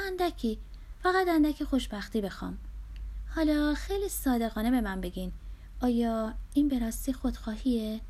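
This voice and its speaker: Woman doing a shy earnest young woman, mellow and kinda high, storybook. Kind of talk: audiobook dialogue reading.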